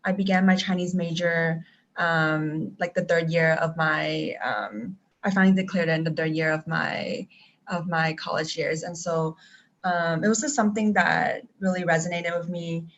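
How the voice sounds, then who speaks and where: Speaking from home in Taiwan as a guest on a live-stream video chat, this traveling teacher is a young woman with a lowish voice, fairly even intonation and a moderate pace. She talks casually with plenty of ums and restarts, and the call audio sounds dull and lo-fi.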